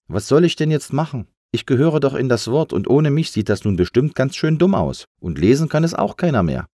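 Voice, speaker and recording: A man's voice: medium pitch, very animated, moderate pace, a little mellow, dry recording, studio quality, pitched above the performer's own voice. A man voicing a big talking letter A, fretful and complaining, in a storybook. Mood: worried. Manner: worried, complaining.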